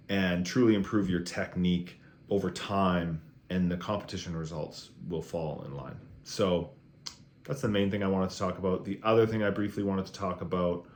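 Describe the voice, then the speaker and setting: A man's voice: sits low, a little mellow. A man, a fitness coach, giving a casual weekly training review in a conversational, encouraging way, with lots of fillers.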